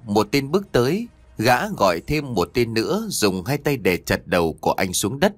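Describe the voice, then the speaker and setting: A man narrating a dark story as an audiobook reader, telling it dramatically. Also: on the low side, no room sound.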